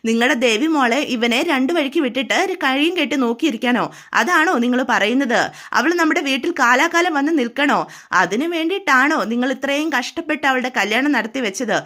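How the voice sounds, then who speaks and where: A woman's voice: high-pitched, expressive, quick pace, a bit bright. A woman voicing a scheming, domineering middle-aged mother who scolds and orders her husband around. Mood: scolding.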